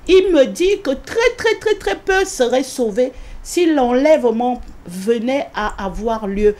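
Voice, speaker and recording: A woman giving an earnest spoken religious testimony in an interview, repeating phrases often and pausing with hesitations. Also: lively intonation, darkish tone. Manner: earnest, repetitive, with many hesitations; rises sharply in pitch when quoting her own pleas.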